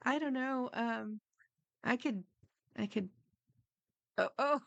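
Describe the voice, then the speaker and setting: A woman with a creaky edge to her voice chats casually to viewers as a game streamer. She rambles slowly, friendly and apologetic, a bit flustered. The sound is close and dry, slightly muffled. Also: a little high, dry recording. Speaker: live game streamer, host. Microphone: microphone a few inches away.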